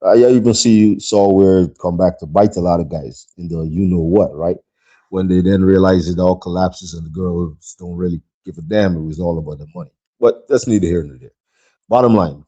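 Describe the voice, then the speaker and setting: Low, mellow-voiced man rambling on a podcast. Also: normal speed, lo-fi sound. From Guyana. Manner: rambling, conversational, frequent fillers and asides to viewers. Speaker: podcast host. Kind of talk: casual solo podcast monologue.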